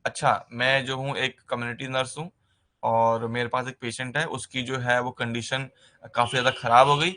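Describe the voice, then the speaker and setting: A man teaching a nursing writing-exam lesson in a conversational way, often pausing with a filler and mixing terms into his speech. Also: mid-range voice, level tone, bright, forceful tone. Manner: conversational, repeats "ठीक है" as a filler, mixes English terms into Hindi. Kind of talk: explaining exam basics in a recorded lesson.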